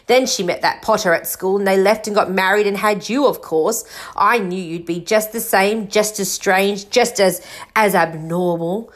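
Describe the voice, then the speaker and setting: A woman's voice: mid-range voice, expressive, measured pace, fairly bright tone. A woman voicing a bitter, spiteful middle-aged aunt who rants with scorn and resentment in a storybook reading. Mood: bitter ranting. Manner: ranting, scornful.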